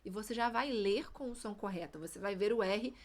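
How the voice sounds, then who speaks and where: A woman teaching Spanish pronunciation. She models phrases slowly for repetition and encourages the learner. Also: mid-range voice. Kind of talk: pronunciation lesson.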